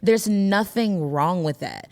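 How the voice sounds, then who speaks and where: A woman co-hosting a podcast, talking casually and thoughtfully, often pausing and restarting as she looks for the words. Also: medium pitch, expressive, a little mellow. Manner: thoughtful, hesitant, restarts while searching for words. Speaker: podcast co-host. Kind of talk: casual chat.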